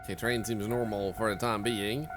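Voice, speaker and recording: A man doing live gameplay commentary as a streamer, excitable, laughing often and yelping at sudden scares. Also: on the low side, normal speed, noisy background. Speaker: streamer playing a horror game.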